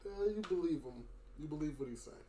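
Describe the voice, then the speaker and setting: A man's voice: on the high side, animated, fairly quick, dark tone. A man running a tabletop game as game master, giving dry, teasing rulings in a roomy recording. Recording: roomy with faint noise.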